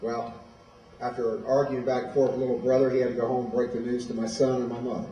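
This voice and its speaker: A man's voice: mid-range voice, level tone, fast, mellow, far from the mic, slight background noise. Plainspoken man in an echoey hall. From Illinois, USA. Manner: plainspoken, storytelling. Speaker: guest speaker at a school. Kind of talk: personal testimony speech. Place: high school hall.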